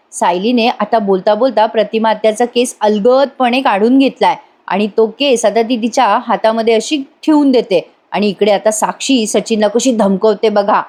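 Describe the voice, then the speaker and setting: A woman's voice: a little high, a little mellow. A woman giving a voice-over recap of a TV serial episode, briefly voicing each character's lines as she retells the scenes. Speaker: TV serial reviewer.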